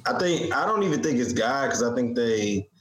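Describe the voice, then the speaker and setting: An American man explaining his view in casual discussion, in a halting way. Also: mid-range voice, animated. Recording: roomy, echoing sound.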